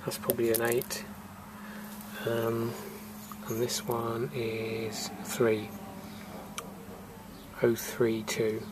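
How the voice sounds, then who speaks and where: A man's voice: mid-range voice, monotone, very slow, long pauses, noisy background. A man, a refrigeration technician, casually talks through what he is showing, thinking aloud with fillers in a matter-of-fact way, recorded outdoors on a camera mic. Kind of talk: casual hands-on narration. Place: outdoors in a yard.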